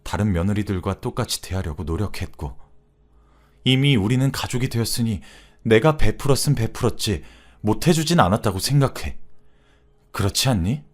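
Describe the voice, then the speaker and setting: A man voicing a stern older mother who lectures and reproaches her daughter-in-law in a low, steady read. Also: moderate pace.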